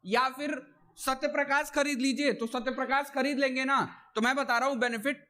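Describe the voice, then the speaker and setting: A man's voice: very high-pitched, fairly even intonation, fairly quick, sharp tone. A man teaching a physics class to students in a chatty, repetitive way, often asking "theek na" and scolding or teasing the class. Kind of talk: classroom lecture.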